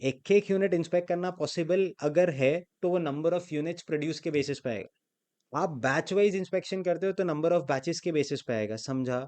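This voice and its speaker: A man's voice: fairly high pitch, normal speed, a little mellow. A man teaching an accounting class, quizzing students and prompting them to answer aloud, mixing English terms into his speech. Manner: mixes English terms into Hindi. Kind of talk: classroom lecture with call-and-response.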